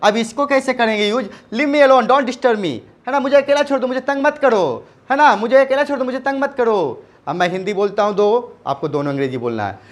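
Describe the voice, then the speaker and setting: A man teaching spoken English in Hindi, slowly repeating short English phrases for students to copy. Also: very high voice. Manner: drills phrases slowly, repeating them aloud.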